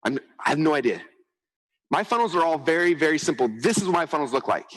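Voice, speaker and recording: In a conference hall, a male speaker gives a live marketing talk in a fairly high, fast voice, captured in a low-quality recording. He tells stories with energy, acts out quotes and keeps checking with the audience by asking "okay?".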